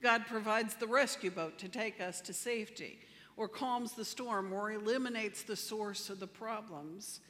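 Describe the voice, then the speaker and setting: A woman pastor delivering a sermon, with measured, emphatic phrasing. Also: mid-range voice, a bit bright, in a large hall. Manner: measured, emphatic preaching with slow deliberate phrasing.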